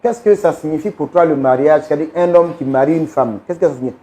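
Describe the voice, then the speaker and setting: Male pastor, higher pitch with a dark mellow tone, questioning and hesitant. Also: fast talker. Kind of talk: counseling on a talk show.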